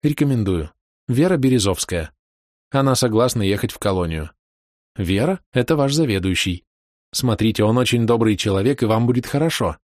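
A man voicing an excitable, passionate middle-aged woman who scolds and pleads with reproach. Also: lowish voice, normal speed, no echo, clean studio sound, voice pushed up, lightly acted. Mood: warm.

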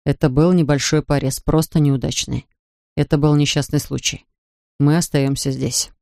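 A narrator voicing a grieving father who talks softly, slowly and tenderly to his daughter. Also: steady tone, creaky, no echo, studio quality, close to an everyday voice. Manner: soft, low and slow, pleading. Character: grieving gentle father, a big man. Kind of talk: audiobook character voice.

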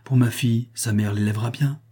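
A man's voice: medium pitch, steady tone, a little fast, mellow, husky, natural voice. A man doing an impulsive lovesick husband. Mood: eager. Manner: urgent, passionate. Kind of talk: audiobook character reading.

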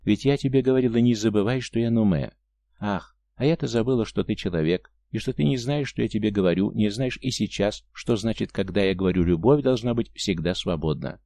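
Sad proud martian lady in an audiobook, man doing her voice, warm low-ish tone. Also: brisk, gravelly. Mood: earnest pleading. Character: tender proud Martian woman, firm and sorrowful.

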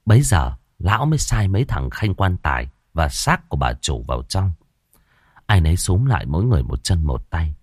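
Deep-voiced man narrating a story. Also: a little fast, breathy edge, no room sound, studio quality. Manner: expressive storytelling.

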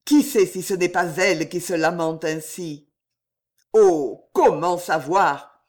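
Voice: medium pitch, slow pace, close to an everyday voice. A reader voicing a passionate young male knight in an audiobook, speaking in urgent, agitated outbursts. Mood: anguished.

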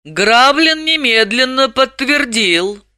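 An audiobook reader narrating a story with expressive, lively delivery. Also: high voice, slow, dry recording, studio quality.

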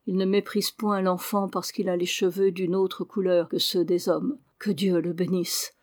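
A man's voice: high-pitched, flat delivery, a little slow. A woman reading aloud voices a frail, ailing old father, speaking faintly and wearily. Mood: weak, pleading. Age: older. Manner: faint, weary, breathless speech.

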